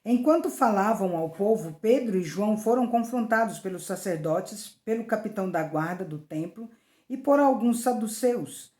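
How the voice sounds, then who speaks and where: A woman missionary reading the daily Bible passage aloud in a measured, expressive way, sometimes correcting herself mid-word. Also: mid-range voice. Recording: roomy echo.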